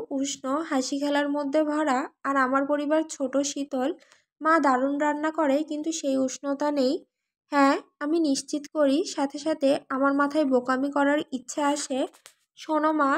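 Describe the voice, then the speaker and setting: A woman reading a first-person romance novel aloud as narrated storytelling, voicing the dialogue lines within her narration. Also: high voice. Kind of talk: narrated Bangla audiobook reading.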